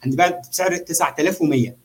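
Very fast-talking Egyptian man, explaining. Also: a little high. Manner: animated explainer, often checking with the listener. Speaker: trader demonstrating chart analysis. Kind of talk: casual live walkthrough of a trading simulation.

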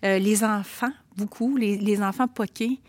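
A woman's voice: mid-range voice, steady tone, a little slow, a little mellow, no echo. A middle-aged woman from Quebec City with a working-class Limoilou accent, a guest author chatting in an interview, hesitant and searching with many fillers and restarts, telling stories with life. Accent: Quebec French, Limoilou working-class. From Quebec City, Canada. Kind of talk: casual conversational interview.

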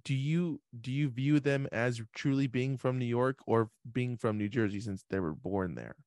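A man hosting a casual interview, asking curious questions with halting restarts. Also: mid-range voice, a little mellow, no echo, studio quality. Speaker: podcast host.

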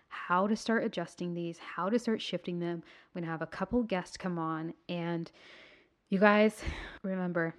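A woman hosting a motivational faith podcast, speaking directly and casually to her listeners and repeating key words for emphasis. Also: medium pitch. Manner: casual, encouraging address to the audience. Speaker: podcast host.

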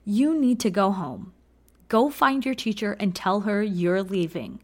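A woman's voice: mid-range voice, animated, a little slow, darkish tone. A woman voicing a fellow teacher who is alarmed, firm and caring, within a read-aloud memoir. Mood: stern. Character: sympathetic but stern female fellow teacher.

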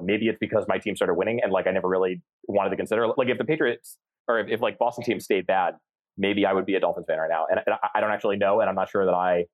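Fast-talking deep-voiced man, rambling. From central Massachusetts. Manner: rambling, many restarts and fillers. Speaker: podcast guest. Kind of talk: casual conversational storytelling.

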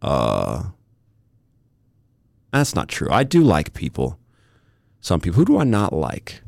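Low-voiced man rambling on a podcast. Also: wildly swooping pitch, normal speed, darkish tone, no room sound, studio quality. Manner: rambling, irreverent, self-mocking. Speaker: podcast host. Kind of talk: solo podcast chat. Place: recording studio. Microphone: studio microphone.

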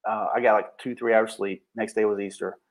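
A police officer recounts a shooting in a lowish, steady voice, talking a little fast on a low-quality recording. His telling is casual and blunt, full of swearing and restarted sentences, and he acts out what people said in raised voices.

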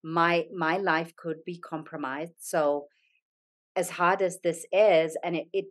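Speaking slowly and steadily in a fairly low voice, this middle-aged Zambian yoga studio owner is a podcast guest in a reflective conversational interview. She works through a hard subject earnestly and thoughtfully, often restarting her sentences.

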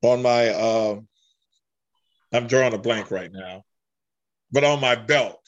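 A man who wrestles in a mask, answering interview questions with frequent halting restarts while searching for words. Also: mid-range voice, no room sound, dull audio. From Greece. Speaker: masked wrestler.

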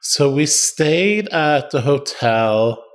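A man's voice: fairly high pitch, extremely slow. Chatty man telling travel stories. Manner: animated storyteller, acts out voices in quotes. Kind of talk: casual storytelling chat.

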